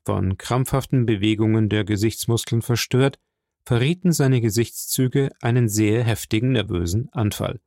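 A man narrating a classic novel as an audiobook, reading in a steady, measured storytelling voice. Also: on the low side, creaky, no echo, studio quality.

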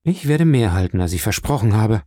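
A man's voice: lowish voice, big pitch swings, fairly quick, dark tone, dry recording, clean studio sound. A man reading an audiobook, voicing a determined young seaman who speaks in an earnest, confident way.

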